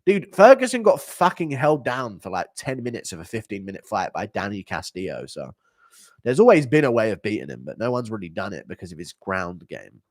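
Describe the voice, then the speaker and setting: A man's voice: lowish voice, sing-song, a little fast, no echo, studio quality. A man from the United Kingdom, sick today, hosting a casual livestream, reading donations and joking in a profane, mocking way. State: sick, unwell.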